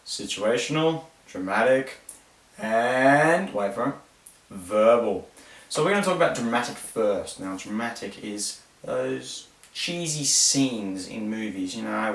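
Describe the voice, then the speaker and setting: A man's voice: medium pitch, unhurried, vocal fry. Rambling jokey man, echoey. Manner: playful, rambling, self-mocking, animated storytelling. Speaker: host. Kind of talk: jokey explainer monologue. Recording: roomy echo, distant mic.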